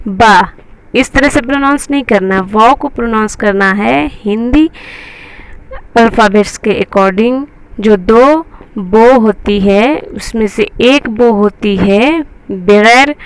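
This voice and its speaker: A woman teaches a writing lesson slowly and patiently, sounding out each letter before joining them into a word. Her voice is somewhat high, smooth and clear. She repeats every word so that beginners can follow. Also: rough recording. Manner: slow, spells out letters one by one. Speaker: Urdu teacher.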